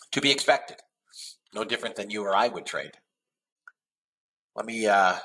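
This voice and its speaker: Over poor audio, a trading webinar host speaks in a low, husky voice with a bright, forceful tone. His head cold leaves him nasal, and his delivery rambles, packed with "uh" fillers and restarts.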